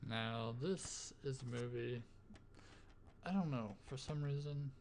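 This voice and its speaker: A man speaks softly in an ASMR manner at a slow, unhurried pace. He sounds gentle and musing, chatting casually as the host. Clear tapping and clicking noise runs behind his medium-pitched voice. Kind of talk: soft-spoken ASMR, casual rambling movie talk. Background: finger tapping and clicking sounds.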